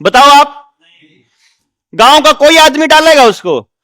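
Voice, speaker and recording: A man with a very high voice and a bright, forceful tone speaks emphatically, putting questions straight to his listeners. The sound is close and dry. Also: expressive, slow pace, no echo. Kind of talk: explaining to an audience.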